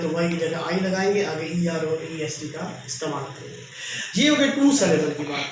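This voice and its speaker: A man teaching a grammar lesson, explaining slowly and repeating each example. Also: sits high. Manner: slow, repetitive explaining. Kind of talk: classroom lecture. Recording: very echoey room, faint noise.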